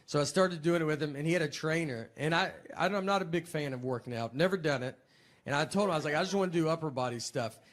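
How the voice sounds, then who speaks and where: A man's voice: on the high side, fast. A man in his forties doing a stand-up routine, telling stories in an understated, laid-back way with lots of "like" fillers. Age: 40s. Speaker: stand-up comedian.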